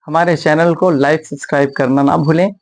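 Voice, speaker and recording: A man's voice: a little high, steady tone, fairly quick. Male teacher, patient and explanatory, spells each letter and repeats example words for an online lesson. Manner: addresses viewers as friends in a patient, explaining tone. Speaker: English pronunciation teacher. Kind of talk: video lesson.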